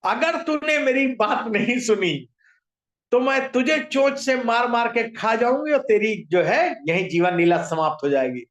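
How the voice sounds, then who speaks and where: A tiny, stubborn sparrow, voiced by a man, pleads over and over in a fairly high voice for someone to hear her out. She sounds insistent and relentless. The storybook telling carries a roomy echo. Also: moderate pace, lightly acted. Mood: threatening. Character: small determined female sparrow seeking justice. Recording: echoey room.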